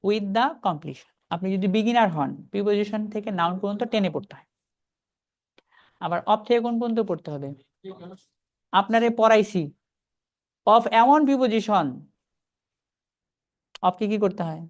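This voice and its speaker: Man, online reading teacher, chatty, calls out names, reads English slowly phrase by phrase. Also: high voice. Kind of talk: live online class.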